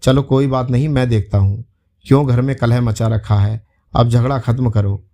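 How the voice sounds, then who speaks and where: A man reading as a gruff, scolding old father-in-law. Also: medium pitch, steady tone, normal speed, warm tone, natural voice. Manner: reprimanding, dismissive. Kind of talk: storytelling.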